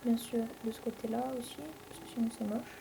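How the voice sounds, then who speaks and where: Une jeune femme à l'français commente sa partie de jeu vidéo sur un ton décontracté et bavard, avec beaucoup d'hésitations. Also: female voice, a little high, monotone, brisk, creaky, noisy background. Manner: rambling, chatty, many fillers. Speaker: let's play host. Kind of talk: casual gameplay commentary.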